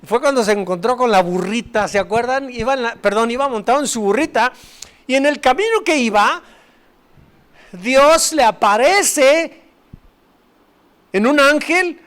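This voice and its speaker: Male pastor, sermon, high voice, animated storytelling. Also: measured pace, pauses often, smooth. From Mexico.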